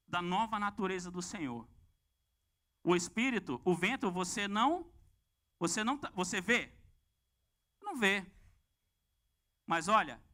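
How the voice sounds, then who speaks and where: A man with a Brazilian Portuguese accent preaching a lively sermon and asking the congregation questions. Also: high voice. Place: church.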